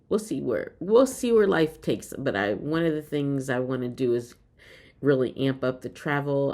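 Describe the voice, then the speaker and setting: A woman's voice: low-pitched, creaky, a little mellow. A woman about fifty chatting casually to her viewers as a vlogger, with frequent ums and an upbeat tone. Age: 50s. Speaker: reseller vlogger. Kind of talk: casual chat to camera.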